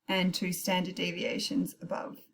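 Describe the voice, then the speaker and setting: A woman's voice: fairly low pitch, completely flat delivery, moderate pace, fairly bright tone, slight background noise. Woman teacher talking through a maths tutorial. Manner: thinks aloud with self-corrections and brief apologies. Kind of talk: informal recorded maths tutorial, talking through calculator steps. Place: recorded while heavy rain pours outside.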